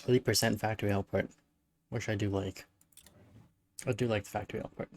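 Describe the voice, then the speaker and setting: Low-voiced man streaming a strategy game. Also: steady tone, brisk, darkish tone, slight background noise. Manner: musing, thinking aloud with murmured hmms. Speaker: gaming streamer. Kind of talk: casual live-stream commentary while playing a strategy game.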